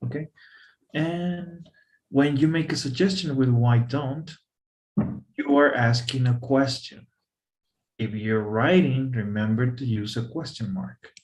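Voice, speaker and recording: A man's voice: medium pitch, slow, a little mellow. A man tutoring English one-on-one over a video call, explaining grammar patiently and repeating examples.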